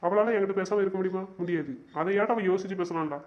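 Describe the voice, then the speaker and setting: A man's voice: sits high, fast talker, lightly acted. A man playing a stubborn fed-up young lover. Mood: frustrated. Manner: insistent, exasperated, repeats himself. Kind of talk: amateur web drama acting. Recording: dull lo-fi recording.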